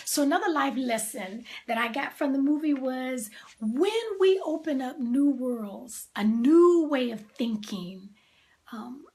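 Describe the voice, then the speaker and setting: Her voice on the high side, a woman offers reflective motivation in a measured, emphatic way, letting pauses stretch and slipping in soft asides.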